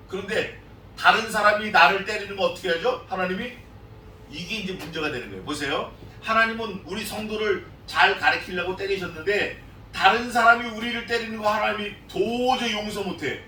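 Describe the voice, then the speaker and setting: A man's voice: high voice, lively intonation, brisk, pushed and bright, slight background noise. A male pastor preaching an expository sermon in an emphatic, repetitive style. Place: church sanctuary. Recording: echoey church sound from a distant mic.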